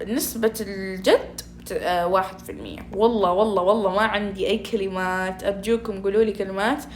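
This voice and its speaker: A woman's voice: mid-range voice, a little hiss or hum. A woman, streaming a game from home and chatting playfully with her viewers. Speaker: gaming streamer. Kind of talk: casual gaming commentary.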